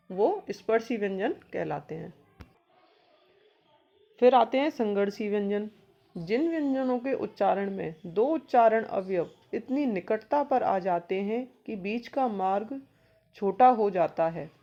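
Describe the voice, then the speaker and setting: Patient woman teaching grammar, lo-fi sound. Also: mid-range voice. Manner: explains patiently, sounds out each letter slowly. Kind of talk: exam-prep grammar lesson.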